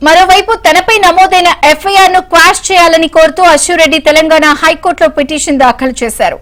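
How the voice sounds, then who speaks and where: A woman narrates a news report from a script. Her voice is extremely high, and she moves through the sentences very quickly. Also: fairly even intonation, fairly bright tone.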